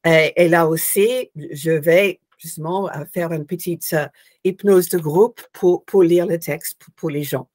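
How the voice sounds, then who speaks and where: A woman's voice: fairly low pitch, a little slow, darkish tone. An older woman from Australia, a guest hypnosis instructor, explaining her sessions thoughtfully and searching for words as she goes. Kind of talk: explanatory interview answers.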